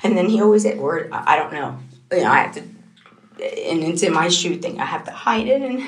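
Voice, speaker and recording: A young woman speaks in a slightly low voice, halting and distraught as she recounts events to police. She pushes on through broken starts, and her voice climbs as she goes. The bare interrogation room gives her words an echoey ring. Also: animated. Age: young adult. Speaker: suspect under police questioning.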